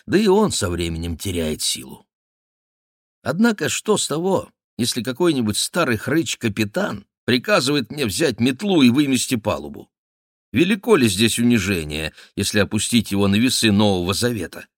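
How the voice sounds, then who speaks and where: A man reading a classic novel aloud in measured, expressive narration. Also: medium pitch, dry recording, clean studio sound. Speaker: audiobook reader. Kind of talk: scripted literary narration.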